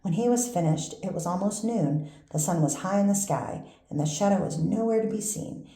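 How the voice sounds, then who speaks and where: An older woman, a grandmother, reading a children's picture book aloud in a gentle, unhurried storytelling manner. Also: mid-range voice. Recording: roomy echo with faint background noise.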